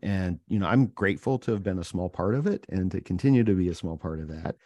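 A man with a very low voice hosts an interview in an earnest, unhurried way. The sound is dry and close, with no room around it. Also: dark tone, no echo. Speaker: podcast host.

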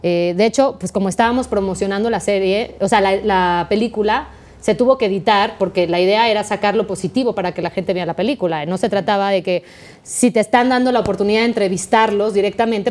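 A young adult Mexican woman, a podcast guest, telling a story in a chatty, animated way. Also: medium pitch, a little fast. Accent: Mexican Spanish. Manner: chatty, animated, acts out quoted voices.

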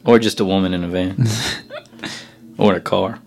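A man's voice: low-pitched, creaky. A man co-hosting a casual radio show, bantering, teasing and reading things out in a joking way.

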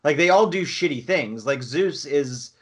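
A man's voice: fairly high pitch, animated, unhurried, slightly rough. A man in casual chat, rambling as he explains, with lots of restarts and fillers.

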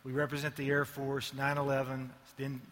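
A man's voice: medium pitch, completely flat delivery, normal speed, fairly bright tone, big-room sound. A male ad agency executive giving a conference keynote, full of joking, self-mocking asides.

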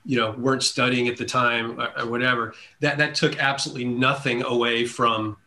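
Guy hosting a podcast, bright voice, hyped and chatty, stumbles over his words a lot. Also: mid-range voice, flat delivery, brisk. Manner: enthusiastic, repeats words often. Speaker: podcast host. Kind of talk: casual interview chat.

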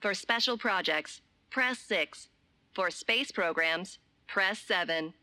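Bright, formal phone menu voice. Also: female voice, medium pitch. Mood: polite, impersonal. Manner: measured, scripted, formal phone menu delivery. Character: automated phone menu voice of an office, polite, impersonal. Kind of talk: recorded phone menu announcement.

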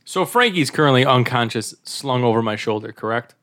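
A man playing a tabletop game, casually describing his character's actions in a halting, improvised way. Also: mid-range voice, animated, a bit bright.

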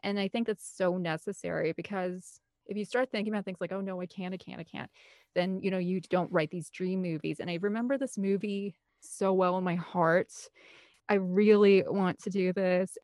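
A Midwestern American woman in her thirties, a film composer and director, rambles casually and enthusiastically as an interview guest in a hyper way. Her voice is lowish and darkish, steady in tone, at normal speed, on a dry recording.

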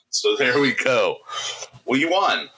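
A man's voice: medium pitch, bright, forceful tone, rough recording. A man co-hosting a podcast in casual chat, playful and laughing often as he quizzes his co-host.

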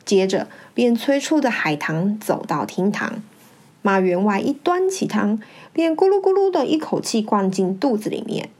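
A woman narrating a classic storybook tale in a lively, expressive way. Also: mid-range voice, moderate pace.

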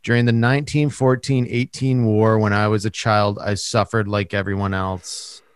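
A man with a lowish voice co-hosting a podcast in loose, joking chat. He meanders through his points, stalling on fillers, and the sound is close and dry with no room behind it. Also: little pitch movement, moderate pace, smooth, dry recording. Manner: rambling, lots of hesitations. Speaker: podcast co-host. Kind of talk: casual comedic chat.

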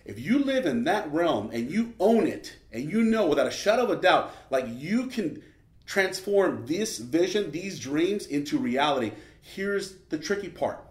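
A man's voice: a little high, sing-song, unhurried. A man giving a motivational speech built on a personal story, emphatic, and often tossing in "man". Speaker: motivational speaker. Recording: roomy echo.

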